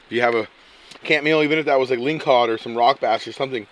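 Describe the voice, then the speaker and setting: Poor audio captures a fast-talking, medium-pitched man chatting casually with his viewers, music playing behind him. He's an outdoor camping and fishing vlogger with a folksy, playful, exuberant manner and lots of quirky slang.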